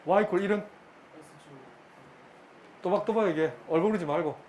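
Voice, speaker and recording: A middle-aged man lecturing a math class, brisk and bantering, often repeating his questions to the students. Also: high voice, darkish tone, slight background noise. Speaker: math teacher.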